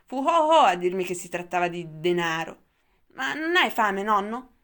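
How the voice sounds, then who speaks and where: A woman's voice: mid-range voice, very animated, normal speed. A woman voicing a cheerful, teasing young boy in a storybook reading. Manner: bright, teasing, loud.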